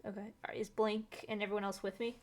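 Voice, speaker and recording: A woman taking part as a player in a tabletop game, speaking softly and quietly. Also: mid-range voice, level tone, fast talker. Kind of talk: casual game chat.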